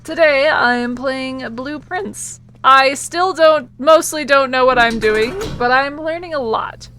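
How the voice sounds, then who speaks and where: A woman's voice: sits high, unhurried, a bit bright. A woman livestreaming a video game with casual commentary and a cute, bubbly anime-streamer delivery.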